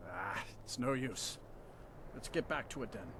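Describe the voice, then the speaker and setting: In this dramatic fantasy game dialogue, an actor voices a suspicious, disgruntled townsman who is fed up with his ruler and grumbles bitterly. His medium-pitched voice is animated and measured in pace, carrying a bitter, worried mood over background noise.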